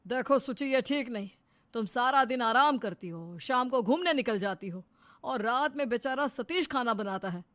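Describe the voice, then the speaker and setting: A woman's voice: fairly high pitch, expressive, normal speed, fairly bright tone, no echo. A woman voicing a mild, reproachful elderly father-in-law in a cartoon story. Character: gentle elderly father-in-law, scolding mildly.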